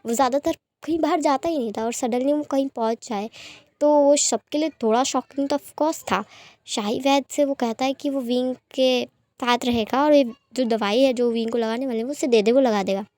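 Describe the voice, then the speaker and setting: High-voiced woman retelling a story. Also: a little mellow, no room sound. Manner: plain, conversational retelling. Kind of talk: fan fiction story narration.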